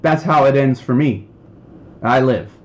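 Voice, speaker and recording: A man's voice: mid-range voice, measured pace, muffled recording. A man preaching a heated, emphatic podcast sermon, getting worked up as he talks.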